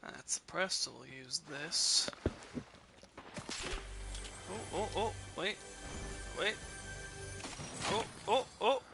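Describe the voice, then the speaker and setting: A man's voice: high-pitched, very animated, extremely slow, gravelly, long pauses, music in the background. A young man casually chatting while streaming a game, rambling and tripping over his words.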